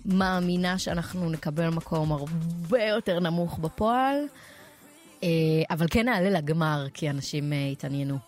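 A woman's voice: lowish voice, soft background music. A woman with an Israeli accent chatting casually and informally as an opinionated co-host. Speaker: pop culture podcast co-host. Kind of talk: casual chat.

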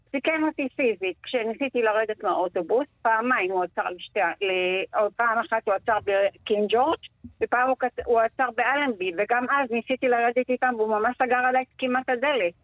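A woman in her sixties giving a shaken, rushed first-person account on the radio, replaying what was said to her. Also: fairly high pitch, no room sound, narrow, tinny audio. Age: 60s. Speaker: interviewee.

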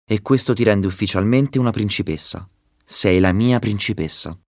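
A man's voice: lowish voice, normal speed, a little mellow, dry recording, studio quality, natural voice. A man voicing a female queen bee who is a firm but tender adoptive mother, reading a storybook. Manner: firm, scolding yet tender.

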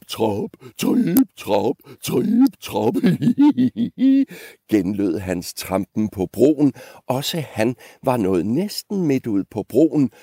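Man, storyteller, lively expressive reading, mellow voice, dry close sound. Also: on the low side, no echo. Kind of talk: reading a fairy tale aloud.

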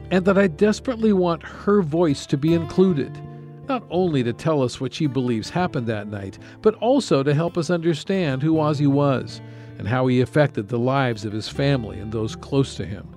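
A man with a slightly higher pitch tells the story in measured, scripted narration. He speaks as the host and reporter of an investigative podcast, with soft music faintly underneath. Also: expressive.

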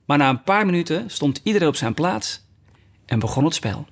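A man narrating a storybook in a lively, expressive reading. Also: fairly high pitch, a little fast, a little hiss or hum. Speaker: storybook reader.

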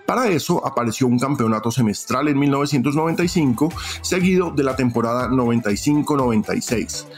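A Colombian man hosts a scripted sports-history podcast. His voice sits at an average male pitch, with light music running behind the narration. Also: expressive, a little fast, hardly any pauses. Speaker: podcast host.

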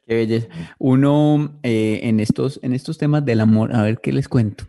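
A man hosting a podcast, telling a funny story in casual chat and jumping into squeaky voices when he quotes people. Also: moderate pace. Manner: animated, jumps into squeaky voices when quoting. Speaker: podcast host.

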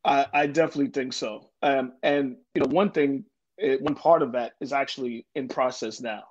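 A development corporation president from Jamaica, Queens, New York, is a guest in an interview. His mid-range voice has fairly even intonation and a normal speed. He answers earnestly with plenty of ums and restarts, and the audio is dull and lo-fi.

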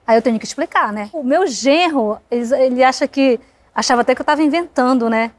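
Woman, Pará accent, talk show guest, high voice, dry close sound, faint music. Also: brisk, dry recording. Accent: Pará Portuguese. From Pará, Brazil. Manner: warm storyteller, uses regional slang. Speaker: singer guest. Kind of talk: casual interview chat.

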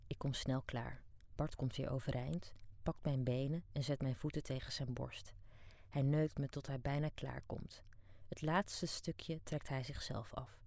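A woman's voice: a bass voice, steady tone, unhurried, gravelly, a little mellow, no room sound. A middle-aged woman from Amsterdam narrating her own diary as an audiobook, frank, wry and down-to-earth. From Amsterdam, Netherlands. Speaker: narrator and author.

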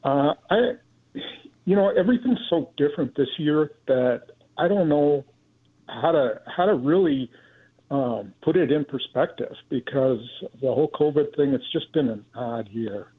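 An American man, a sports journalist, answering radio interview questions haltingly over a phone line. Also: a little high, lively intonation, husky. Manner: halting, repeats words as he thinks. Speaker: sports journalist, show guest. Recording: phone-like guest hotline.

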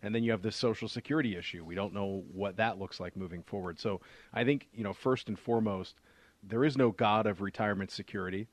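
A man's voice: lowish voice, quick pace, no echo. A man giving a conversational explanation as a financial adviser on a radio show, using rhetorical questions and repetition for emphasis.

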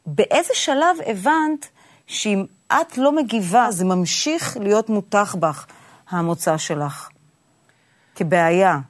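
A woman's voice: medium pitch, lively intonation. A woman hosting a podcast interview in a conversational way, probing and often restarting her phrases.

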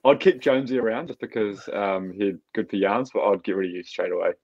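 A man's voice: on the low side, fairly quick, a little mellow. A man with a New Zealand accent chatting casually as an athlete on a podcast, over a remote call. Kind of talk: casual chat. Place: hotel room, remote call. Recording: dull, lo-fi remote call audio.

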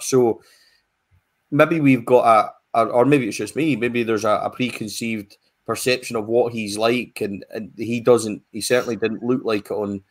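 A man chatting casually as a football pundit, with frequent fillers and restarts. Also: lowish voice.

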